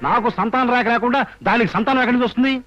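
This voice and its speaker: An actor playing a suspicious, short-tempered husband who quarrels with a palm reader, in an old film. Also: male voice, very high voice, very fast. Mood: irritated. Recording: muffled old film soundtrack with clear music.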